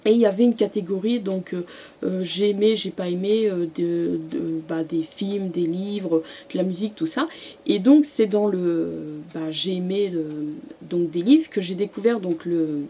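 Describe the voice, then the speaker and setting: A young woman talks through her favourite books in a relaxed vlog. Her voice is mellow and a little husky. She hesitates a lot, restarting sentences and filling pauses as she goes. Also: fairly low pitch. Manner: hesitant, many fillers and restarts. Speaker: book vlogger. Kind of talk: casual book review vlog.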